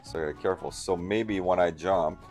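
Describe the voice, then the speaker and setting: A man with a lowish voice giving casual, excitable commentary on a game he is playing. He thinks aloud and reads out chat messages. Soft music plays faintly behind him. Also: quick pace. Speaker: gaming streamer.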